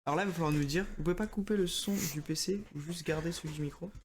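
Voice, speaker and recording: A man's voice: a little high, racing, a little hiss or hum. A man co-hosting a gaming stream, playful and teasing in casual chat. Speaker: co-player on the stream.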